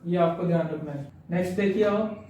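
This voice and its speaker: A man teaching English grammar in Hindi. He reads English rules out slowly and answers his own questions as he explains them. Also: high voice, mellow, highs cut off, slight background noise. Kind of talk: grammar lesson explaining examples on screen. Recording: very echoey room, voice from a distance.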